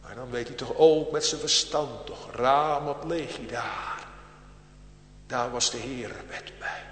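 A man preaching a sermon to a congregation, with a solemn cadence that swells and drops in loudness and archaic biblical phrasing. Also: mid-range voice, takes it slowly. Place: large church. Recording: echoey church hall with long reverb.

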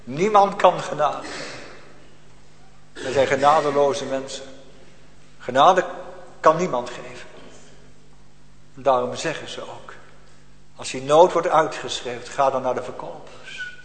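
A man preaching a sermon, swinging from loud pleading cries to hushed near-whispers and drawing out stressed phrases slowly. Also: medium pitch, wildly swooping pitch. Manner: slow, drawn-out stressed phrases. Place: church. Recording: echoey church hall with long reverb.

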